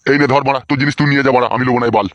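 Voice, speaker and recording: A man's voice: medium pitch, fairly even intonation, racing, a bit bright, no room sound, close to an everyday voice. A man playing a coarse older village uncle in a comic skit, who scolds and swears. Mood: gruff.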